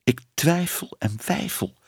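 A man's voice: a little high, animated, slow pace, vocal fry, slightly rough, no echo, clean studio sound, pitched above the performer's own voice, heavily acted. A man voicing a shy, hesitant young woman who used to be a cat. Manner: timid, hesitant.

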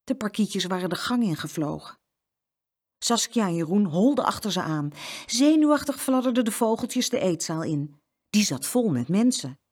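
A woman reading a children's story aloud with an expressive, lively delivery. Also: medium pitch, moderate pace, breathy edge.

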